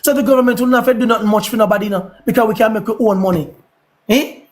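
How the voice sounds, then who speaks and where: A man's voice: sits high, fairly even intonation, fast talker. A man with a Jamaican accent hosting a livestream, delivering a preachy, repetitive, heated monologue. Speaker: livestream host.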